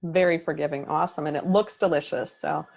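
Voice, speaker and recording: Co-host, woman, friendly and easy, lowish voice, muffled recording. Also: steady tone, brisk, gravelly. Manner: friendly, laughs easily. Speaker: co-host reading viewer questions. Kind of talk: casual chat.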